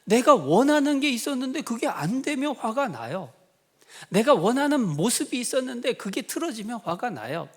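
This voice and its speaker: A man preaching a sermon as pastor, telling a story with acted quotes and lively bursts of emphasis. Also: extremely high pitch, moderate pace, slightly rough.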